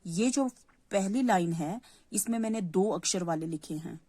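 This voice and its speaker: A woman's voice: on the low side, moderate pace, warm tone, no echo. A woman teaching a Hindi lesson to young children, patient, repeating key words and answering her own questions. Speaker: primary school Hindi teacher.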